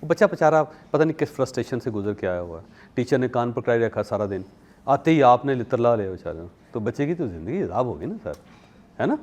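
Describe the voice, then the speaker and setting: Animated Pakistani man telling stories. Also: mid-range voice, brisk. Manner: lively storytelling, acts out quoted people, laughs often. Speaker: talk show host and columnist. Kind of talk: animated conversational talk.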